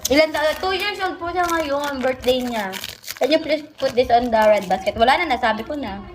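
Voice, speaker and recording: A woman's voice: high voice, lively intonation, moderate pace. A woman livestreaming casually as a mother, chatting with viewers and cooing at her toddler in a sing-song voice. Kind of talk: casual live-stream chat.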